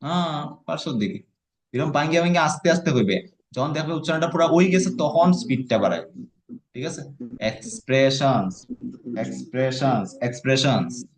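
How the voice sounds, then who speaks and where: A man's voice: a little high, animated, quick pace, a crowd in the background. A man teaching an online lesson, patiently coaxing his student and breaking words into syllables.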